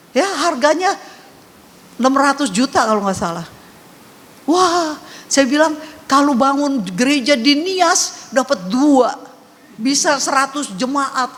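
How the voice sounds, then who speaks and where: A woman's voice: high voice, lively intonation, unhurried, pauses often, fairly bright tone. An older woman pastor giving a sermon testimony, telling her story in a conversational, emphatic way with many repetitions. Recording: long hall reverb.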